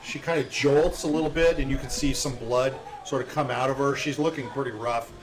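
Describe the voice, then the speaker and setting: A man's voice: medium pitch, steady tone, fairly quick, low-quality recording. A man working as game master, narrating a tabletop game in a casual, conversational way. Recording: loud background noise, room ambience.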